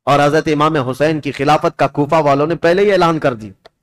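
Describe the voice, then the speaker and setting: A man's voice: fairly high pitch, brisk. A man from India preaching, telling a long religious story with impassioned, declamatory delivery and speaking straight to his listeners. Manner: impassioned, declamatory, addresses the crowd directly. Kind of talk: storytelling sermon.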